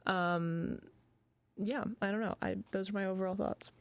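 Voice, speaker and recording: A woman's voice: mid-range voice, fairly even intonation, normal speed, smooth. A young woman co-hosting a college radio film show, talking casually with lots of fillers. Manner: chatty, many fillers like um and like. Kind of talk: casual film review chat.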